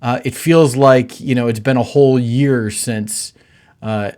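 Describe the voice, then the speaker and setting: A middle-aged man, a pastor, hosting his own podcast in a relaxed, conversational way with many filler words. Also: mid-range voice, measured pace. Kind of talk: casual podcast monologue.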